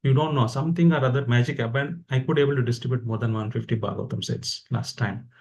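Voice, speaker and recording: A man's voice: medium pitch, fast talker, gravelly, darkish tone. A man with an Indian accent delivers an informal devotional talk. He exhorts his listeners in a conversational, motivating way, as a fellow practitioner would.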